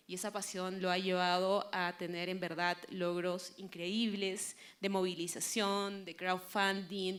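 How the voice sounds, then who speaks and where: A woman's voice: fairly low pitch, fairly bright tone. A woman with a Peruvian accent, a journalist hosting a live interview on stage. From Peru.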